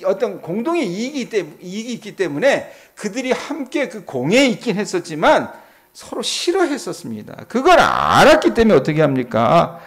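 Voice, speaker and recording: A middle-aged male pastor gives a dawn-service Bible exposition sermon, asking the congregation questions and then answering them himself. When he quotes others, he acts out their voices with sudden jumps in pitch.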